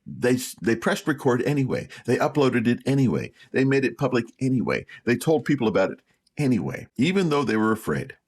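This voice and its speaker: A man's voice: medium pitch, sing-song, brisk. A man hosting a vlog, giving plain-spoken motivational advice to camera, repeating key phrases and teasing with rhetorical questions. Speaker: vlog host.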